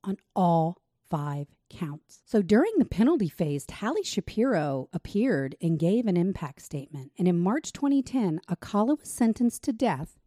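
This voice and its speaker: A woman's voice: fairly low pitch, big pitch swings, moderate pace, hardly any pauses, dark tone, dry recording. A woman host narrating a true crime story in a casual, conversational way, with dry sarcastic asides.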